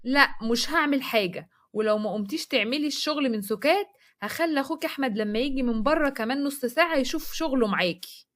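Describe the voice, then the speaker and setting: A woman's voice: high voice, lively intonation, fast talker, fairly bright tone. A woman with an Egyptian accent voicing a harsh, bossy middle-aged mother who scolds and threatens her daughter. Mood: scolding.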